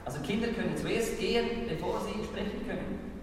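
A man's voice: sits high, normal speed, slight background noise. Man, presenter, explanatory lesson, conversational, asks the viewer questions, reverberant room. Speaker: presenter explaining language and communication. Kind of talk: explanatory video talk addressing the viewer.

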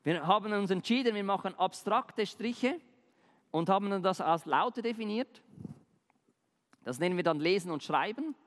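A man's voice: high voice, expressive, normal speed, fairly bright tone, big-room sound. A man explaining language and communication in a conversational way, talking straight to the viewer and asking questions. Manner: conversational, addresses viewer directly, asks questions. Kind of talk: explanatory video talk addressing the viewer.

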